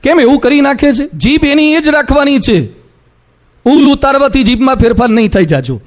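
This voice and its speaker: Man with Gujarati accent, monk, sermon, storytelling, high voice. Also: expressive, normal speed. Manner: storytelling, voices quoted speakers in asides. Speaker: monk preacher. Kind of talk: sermon with told stories.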